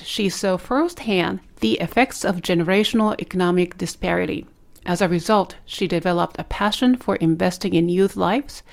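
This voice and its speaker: A woman's voice: fairly low pitch, creaky. A woman hosting a podcast interview, introducing her guest and asking questions with open enthusiasm. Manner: enthusiastic, effusive. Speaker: podcast host.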